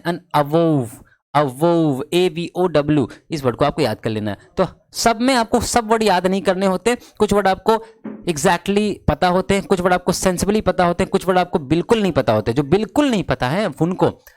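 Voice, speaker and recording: Dry, close Hindi-speaking English teacher. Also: male voice, a little high, no room sound. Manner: explains slowly, mixes English words and phrases into Hindi. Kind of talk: classroom lesson in Hindi.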